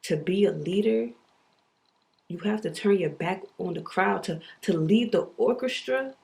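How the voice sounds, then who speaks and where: A woman's voice: medium pitch, measured pace, vocal fry, a little mellow. A young woman vlogging a candid, reflective monologue, emphatic and full of profanity and restarts.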